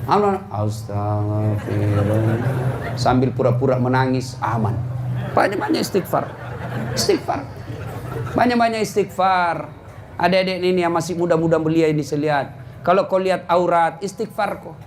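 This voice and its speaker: A man preaching a comedic sermon to a congregation, telling stories with sudden sharp punchlines. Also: normal speed, noisy background. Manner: animated storytelling with sudden high-pitched punchlines. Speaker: Islamic preacher.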